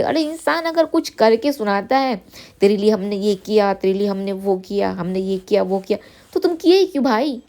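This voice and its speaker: A woman in her thirties vents in a vlog, defiant and wounded. Her mid-pitched voice has a gravelly, creaky edge. She keeps circling back to the same points and drops English words into her speech. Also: a little mellow. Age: 30s. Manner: defiant, repetitive, emotionally hurt. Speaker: vlogger. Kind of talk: emotional vlog outburst.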